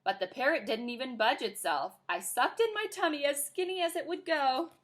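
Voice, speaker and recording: A woman reading a children's book aloud in an expressive, animated way. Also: high-pitched, normal speed. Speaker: reader.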